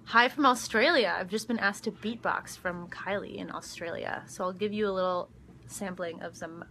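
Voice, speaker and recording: A woman's voice: mid-range voice, moderate pace, pushed and bright, slight background noise. A young woman casually answering fan questions during a live stream, chatty with frequent ums and giggles. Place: backstage dressing room. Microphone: phone livestream.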